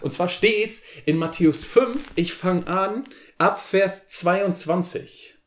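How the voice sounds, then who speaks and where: A man with a slightly higher voice than most gives a short devotional in a relaxed, chatty way. He reads scripture aloud, then retells it loosely in everyday slang. His speech is full of restarts and casual asides. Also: slow. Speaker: youth devotional host.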